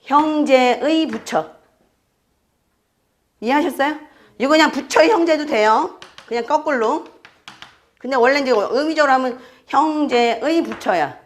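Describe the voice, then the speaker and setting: Lively, questioning woman lecturer. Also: sits high. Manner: keeps checking students with quick questions; explains step by step and repeats key terms. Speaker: fortune-telling astrology teacher. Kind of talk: classroom lecture.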